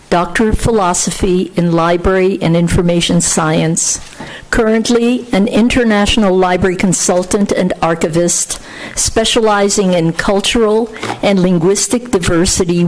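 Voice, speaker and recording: Slow, formal older woman reading a statement. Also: lowish voice, darkish tone, low-quality recording. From France. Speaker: public commenter at a city council meeting. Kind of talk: prepared speech read aloud. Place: council chamber, indoors. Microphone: podium microphone.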